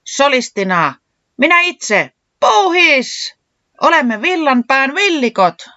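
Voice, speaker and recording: A storyteller voicing an excitable dog who sings lead in a band, shouting high and loud. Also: no room sound, lo-fi sound, heavily acted. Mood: excited. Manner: loud, exclamatory, high-pitched.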